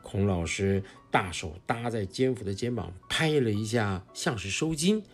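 Female narrator, animated children's storytelling, faint music bed. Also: a bass voice, normal speed. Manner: expressive, animated reading.

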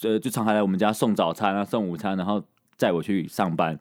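Co-host, low-pitched man, rapid casual storyteller, dry close sound. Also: no room sound. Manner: fast storytelling with mock quoted voices. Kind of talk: casual chat.

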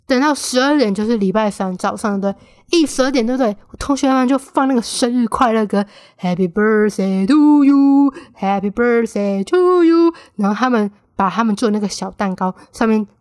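A woman's voice: a little high, quick pace, no echo, studio quality. A woman of twenty with a Taiwanese Mandarin accent, chatting casually as the host of her solo podcast. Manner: chatty, animated when quoting friends.

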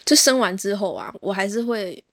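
A woman telling a story in casual chat, animated, laughing often and acting out what people said. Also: medium pitch, moderate pace, dry recording, studio quality. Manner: animated, laughs often, acts out quoted speech.

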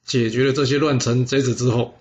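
A man's voice: medium pitch, fairly even intonation, a little fast, darkish tone, dull audio. A man hosting a storytelling channel, telling a history tale in a chatty way with asides to listeners. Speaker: storyteller host.

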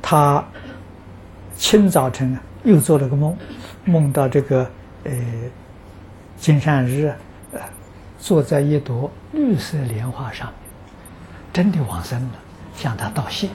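A man, a Buddhist teacher answering practitioners' questions, giving an unhurried dharma talk. He speaks earnestly and fills his pauses with drawn-out "ah" sounds. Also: medium pitch, lively intonation, a little mellow, a little hiss or hum. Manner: peppers speech with drawn-out "ah" fillers; earnest, stresses that the account is true.

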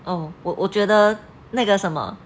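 A woman co-hosts a casual podcast, keeping the chat going with curious questions. Her voice sits at a mid pitch, with faint noise behind it. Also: moderate pace. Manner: curious, asks questions, laughs along. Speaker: podcast co-host.

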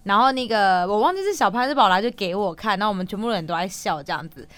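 A woman's voice: medium pitch, quick pace, no room sound. A woman radio host with a Taiwanese Mandarin accent, chatting casually and laughing often as she tells stories. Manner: laughs often, animated storytelling. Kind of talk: casual chat.

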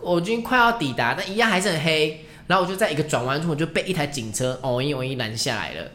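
A woman with a Taiwanese Mandarin accent, telling a travel story in a casual chat as podcast co-host, animated and laughing often. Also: deep voice, quick pace, echoey room. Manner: animated, acts out quoted voices, laughs often.

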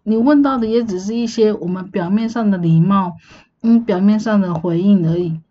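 A woman's voice: medium pitch, normal speed, dark tone. Exasperated Taiwanese woman venting. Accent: Taiwanese Mandarin. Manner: exasperated, ranting, rhetorical questions. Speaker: podcast host. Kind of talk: casual solo venting monologue. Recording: slightly muffled with faint hiss.

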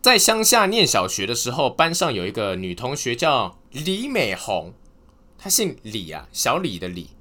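A man talks alone on his podcast, his pitch jumping up and down a lot. His voice is bright and forward. He moves from sincere advice to corny jokes that he laughs at himself. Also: huge pitch swings, moderate pace. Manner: earnest advice, then telling corny jokes and laughing at them. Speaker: podcast host. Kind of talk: casual solo podcast talk.

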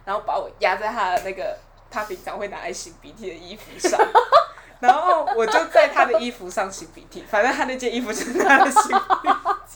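A woman's voice: fairly high pitch, brisk, a loud crowd. A young woman with a Taiwanese Mandarin accent, chatting casually as a podcast co-host and laughing often as she tells stories. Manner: animated storytelling, laughs often. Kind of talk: casual chat.

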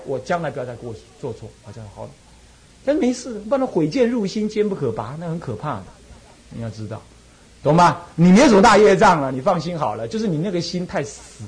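Animated husky Taiwanese monk. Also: male voice, sits high. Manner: animated, scolding yet reassuring, rhetorical questions. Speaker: Buddhist monk and temple abbot. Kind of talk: dharma talk answering a question.

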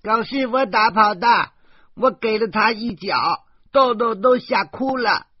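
A man's voice: sits high, unhurried, slightly rough, dry recording, highs cut off, pitched above the performer's own voice. A man doing a feisty little girl. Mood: boasting.

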